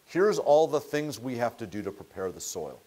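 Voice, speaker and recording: A man's voice: medium pitch, very animated, moderate pace, dark tone. A middle-aged man giving a seminar lecture to a small audience, telling stories in a conversational way and often restarting words mid-sentence. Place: meeting room with audience.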